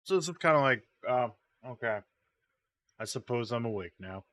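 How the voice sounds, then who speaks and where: A man's voice: mid-range voice, expressive, normal speed, a bit bright, dry recording, studio quality. Sleepy, rambling man streaming a game. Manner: rambling, idly hums while waiting. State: sleepy, yawning. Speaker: gaming streamer. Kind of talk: casual stream chatter.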